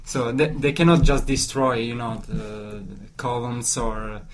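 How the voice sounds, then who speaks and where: A man from Italy with an Italian accent, leading a casual discussion in English, his second language. He talks haltingly, with many restarts and fillers. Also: mid-range voice.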